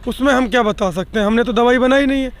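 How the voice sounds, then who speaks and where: A man's voice: extremely high pitch, quick pace, a crowd in the background. A man interviewed on the street, arguing his point emphatically. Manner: argumentative, emphatic.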